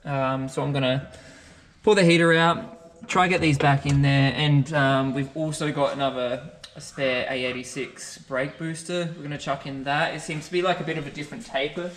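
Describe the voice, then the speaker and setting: A man's voice: on the high side, fairly even intonation, normal speed, fairly bright tone, slight background noise. A man chatting casually as a car build vlogger, laid-back, sweary and full of slang. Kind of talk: casual chat.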